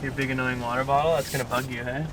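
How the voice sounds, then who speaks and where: A man's voice: mid-range voice, flat delivery, rapid-fire, background noise. A young man bantering playfully with his partner while driving in a van. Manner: joking, playful teasing. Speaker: van life vlogger. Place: inside a moving van.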